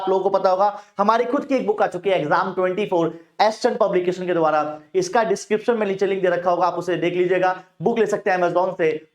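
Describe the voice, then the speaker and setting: A man with an Indian accent teaching English poetry in a Hindi-English mix, asking questions and answering them himself. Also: high voice. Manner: calls students "bhaiya". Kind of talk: Hinglish exam-prep lecture.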